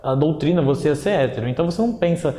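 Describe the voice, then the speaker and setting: A man's voice: fairly high pitch, animated, rapid-fire, mellow, a little hiss or hum. A nineteen-year-old man with a Brazilian accent, telling his story in a casual, slangy way. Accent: Brazilian Portuguese. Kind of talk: personal testimony. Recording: echoey room, faint ambience.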